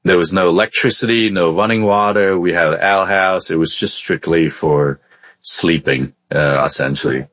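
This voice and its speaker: Here the same kind of guest, a Vietnamese-born entrepreneur who came to the US at ten, recounts his life casually and with frequent hesitation. He has a deep, fairly bright voice at a moderate pace, recorded without echo.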